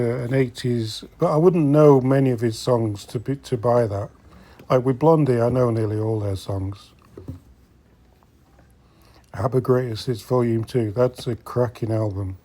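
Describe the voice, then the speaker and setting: A middle-aged man with a warm, medium-pitched voice talks at a normal pace. He hosts a vintage collecting vlog and chats casually to viewers as he browses inside a secondhand shop, now and then muttering to himself.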